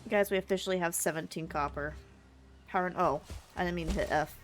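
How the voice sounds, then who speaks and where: A woman's voice: on the low side, fast talker. Woman, live game streamer, casual commentary, chatty, thinks aloud, mild swearing, prominent background music. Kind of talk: casual gaming livestream commentary.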